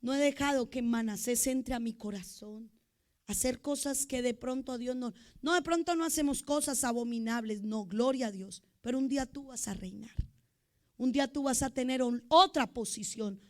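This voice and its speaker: Middle-aged woman pastor, high voice, emotional sermon delivery that swings from soft to loud. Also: normal speed.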